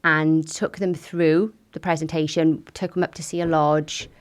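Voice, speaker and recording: A middle-aged woman speaks as an interview guest, her voice sitting low for a woman. She talks frankly and with energy, full of fillers. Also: normal speed. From Wales. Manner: frank, lively, lots of fillers. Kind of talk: candid conversational storytelling.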